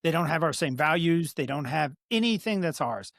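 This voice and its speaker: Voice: medium pitch, lively intonation, moderate pace, dry recording, studio quality. Podcast host who can't say R's. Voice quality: speech impediment, cannot pronounce R sounds, says W for R. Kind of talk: casual political talk.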